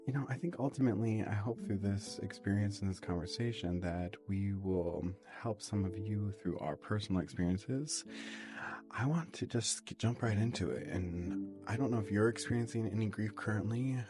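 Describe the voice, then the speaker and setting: A man hosting a podcast in a soft, hushed library voice, talking casually and reflectively. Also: on the low side, moderate pace, over music. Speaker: podcast host.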